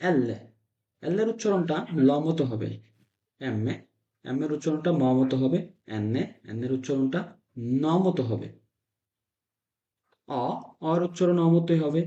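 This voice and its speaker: A man teaching Italian letter sounds to a class, drilling syllables in slow repeated chants. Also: a little high, warm tone. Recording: echoey room, dull lo-fi sound.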